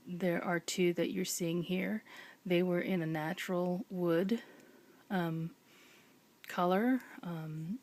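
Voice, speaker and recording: A woman whispering softly at home late at night as she shows off a craft project, with frequent ums and pauses. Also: fairly low pitch, vocal fry. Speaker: crafting vlogger. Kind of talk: casual show-and-tell.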